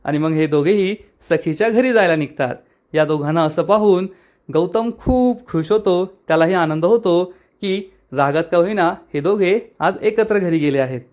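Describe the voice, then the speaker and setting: A man narrating an episode recap in a brisk, plain storytelling way. His voice sits high for a man. He walks through each scene step by step.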